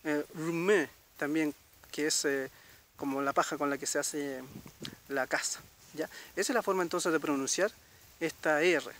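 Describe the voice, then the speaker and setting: A middle-aged man from Chile teaching a language lesson, patiently repeating words slowly and checking in with listeners. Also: fairly high pitch, steady tone, a bit bright, slight background noise. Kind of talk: casual spoken lesson.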